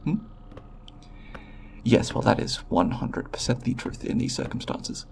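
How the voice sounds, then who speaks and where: Playing a shy, scholarly alien researcher in an ASMR roleplay, this male voice performer speaks in creaky, halting, polite tones full of formal scientific language. His mid-range voice is animated and sheepish yet grateful, with slight background noise.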